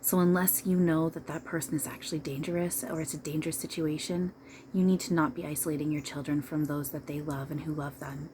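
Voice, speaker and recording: A woman's voice: low voice, little pitch movement, a little fast, mellow, a little hiss or hum. A woman speaking as a trance medium channeling a spirit, giving informal, emphatic, repetitive counsel straight to listeners. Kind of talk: seance medium channeling, informal advice monologue.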